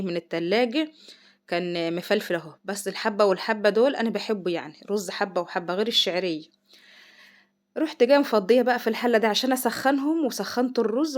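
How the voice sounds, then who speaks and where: Egyptian woman, middle-aged, very fast talker, chatty home cooking vlog, excited over food. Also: medium pitch. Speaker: vlogger, mother. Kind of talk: casual cooking vlog chat. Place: home kitchen.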